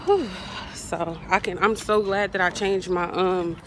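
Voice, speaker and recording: Filming a relaxed vlog in her car on a hot day, a young woman talks to her viewers, calling them y'all, with the phone held at arm's length. She speaks a little slowly in a steady, mid-range voice over some background noise.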